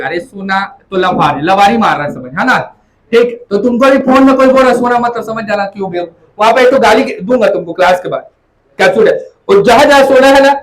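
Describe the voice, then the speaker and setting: A man's voice: very high-pitched, poor audio. A man teaching a classroom lecture, repeating memory tricks and calling students "beta".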